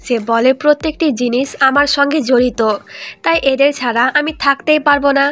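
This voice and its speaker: A woman's voice: high voice, fairly even intonation, normal speed, fairly bright tone. A woman narrating a romance drama recap, reading every character's lines in her own voice. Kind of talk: scripted story narration. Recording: faint music behind.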